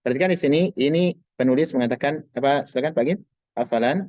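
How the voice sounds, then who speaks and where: A man teaching an online Arabic class in a patient, reassuring way, saying each word slowly for students to repeat. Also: medium pitch, darkish tone, no echo, highs cut off. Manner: slow drilled pronunciation of Arabic words. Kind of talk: online language lesson.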